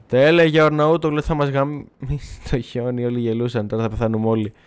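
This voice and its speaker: A man's voice: medium pitch, level tone, clean tone. A man casually chatting while livestreaming gameplay, self-mocking and swearing, talking back to his viewers and the game. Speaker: gaming livestreamer. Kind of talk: casual live gameplay chat.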